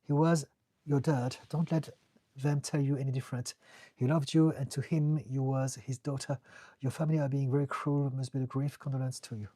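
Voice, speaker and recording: A French therapist answers viewers' questions on a live stream, giving casual advice in an earnest, direct way and sometimes repeating words while searching for them. He has a French accent and a mellow, medium-pitched voice, level in tone and a little fast, recorded with no echo.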